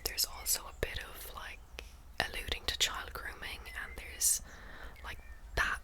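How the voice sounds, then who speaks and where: A woman whispering ASMR close to the mic in a casual book chat, breathy and unvoiced, softly repeating words and phrases. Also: unhurried. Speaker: book review vlogger.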